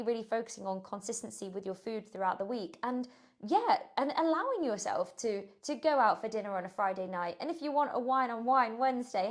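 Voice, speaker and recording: A woman hosting a podcast, giving casual, encouraging advice on eating habits with chatty asides. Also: medium pitch. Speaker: podcast host and fitness coach.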